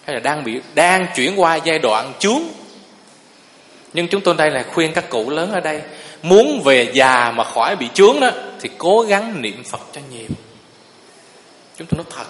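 A man's voice: fairly high pitch, lively intonation, normal speed, a bit bright. A man, a Buddhist monk giving a sermon in a folksy storytelling way and often asking the listeners if they agree. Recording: long reverb of a hall.

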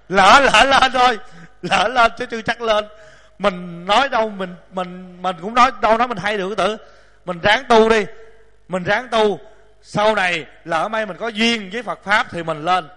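Male Buddhist monk, playful preaching voice, bright and sharp. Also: sits high. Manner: lively, joking, acts out voices, scolds himself. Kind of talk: dharma talk to a large lay audience. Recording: long hall reverb.

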